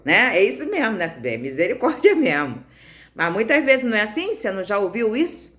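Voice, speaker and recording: A woman's voice: mid-range voice, big pitch swings, fairly quick, a bit bright. A woman with a Brazilian Portuguese accent giving a conversational devotional sermon. She keeps checking in with her listeners and answers their comments as she goes. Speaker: preacher.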